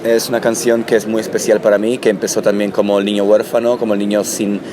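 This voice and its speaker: A man born in Italy, a musician answering interview questions in a halting, thoughtful way with many restarts. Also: lowish voice, level tone, noisy background. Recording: loud music behind. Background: loud music.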